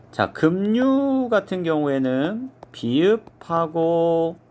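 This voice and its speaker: A man teaching an exam review lesson, explaining step by step and slowly modeling each pronunciation. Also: mid-range voice.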